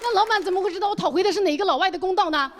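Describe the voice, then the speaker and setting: A young adult woman telling a stand-up comedy story in an animated way, often laughing through her lines. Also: very high-pitched, racing, over a noisy crowd. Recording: noisy live stage recording.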